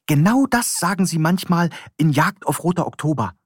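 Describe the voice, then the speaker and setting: A man's voice: on the high side, sing-song, normal speed, slightly rough, no echo, clean studio sound, voice pushed up. A man reading an audiobook, voicing a bumbling, meek man who talks hesitantly and trails off. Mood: earnest. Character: bumbling, meek middle-aged man, talks himself into trouble.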